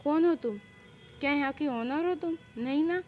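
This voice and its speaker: A woman's voice: high-pitched, fairly even intonation, fast talker, slight background noise, lightly acted. A girl doing a rude, haughty woman boss. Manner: haughty, scolding. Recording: dull lo-fi recording.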